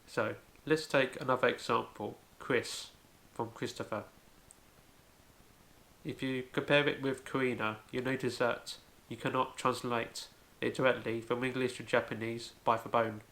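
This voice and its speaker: A man's voice: medium pitch, little pitch movement, unhurried, fairly bright tone. A man hosting a home-made language tutorial, explaining carefully step by step and often starting with "so". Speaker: language video host.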